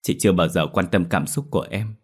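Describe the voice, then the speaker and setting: A man voicing the vengeful female ghost of a young nurse, rasping and tearful, in a spoken horror story. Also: sits low, fast talker. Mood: remorseful. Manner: rasping, wailing, then tearful.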